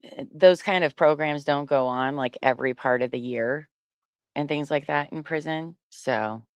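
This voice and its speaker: A woman's voice: sits low, moderate pace, no room sound. A woman co-hosting a casual chat, thinking aloud with frequent fillers. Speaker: co-host.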